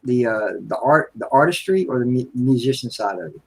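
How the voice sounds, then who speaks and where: Halting man hosting a casual chat. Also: mid-range voice, lively intonation, darkish tone, breathy edge, low-quality recording. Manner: halting, restarts questions with fillers. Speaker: host.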